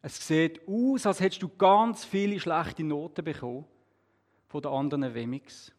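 A man voicing a kind old male woodcarver who speaks slowly and reassuringly. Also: on the high side, in a large hall, lightly acted. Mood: tender. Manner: slow, gentle, reassuring.

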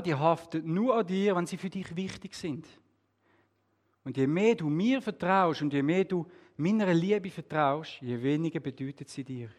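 A man's voice: high-pitched, in a large hall. A man telling a story to an audience, with humorous asides.

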